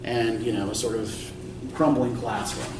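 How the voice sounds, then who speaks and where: A young man from Eastern Pennsylvania with a lowish voice teaches a college writing class at normal speed with a flat delivery. He's casual, rambling, and self-deprecating, often tossing in "right?" The distant recording from an echoey classroom has a noisy background.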